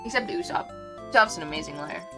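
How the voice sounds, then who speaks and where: A woman streams a visual novel with casual live commentary, talking fast in a low-pitched, animated voice over music. She's chatty, gushing, and self-deprecating as she reads.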